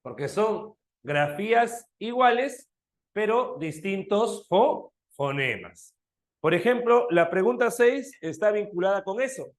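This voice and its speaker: A man's voice: high voice, reverberant. A man teaching a language class, explaining phonemes and letters and quizzing his students as he goes. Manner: lively, questioning students often, animated. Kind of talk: online exam-prep language class.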